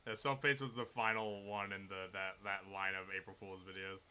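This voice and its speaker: A man's voice: deep voice, level tone, moderate pace, pushed and bright, clear, resonant tone. A young man chatting casually among friends, enthusiastic and slangy. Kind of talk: casual group commentary chat.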